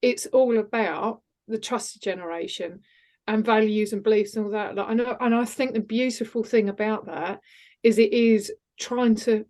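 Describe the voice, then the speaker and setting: A woman's voice: on the high side, fairly even intonation, normal speed, a little mellow. A middle-aged woman, talking earnestly and frankly as a guest on a podcast interview. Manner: emphatic, candid, earnest. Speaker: guest, executive mentor and coach.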